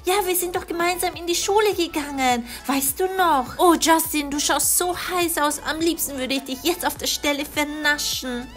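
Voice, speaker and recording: A woman's voice: sits high, moderate pace, few pauses, fairly bright tone, faint music behind. A woman voicing a clingy, lovestruck young woman in a storytelling doll game. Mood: gushing.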